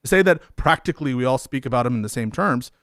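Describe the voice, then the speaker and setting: A man's voice: mid-range voice, expressive, quick pace, a bit bright, no room sound, studio quality. A man hosting a heated debate, arguing and cutting in with repeated requests to wait. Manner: interrupts with repeated "wait", argumentative. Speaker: debate host.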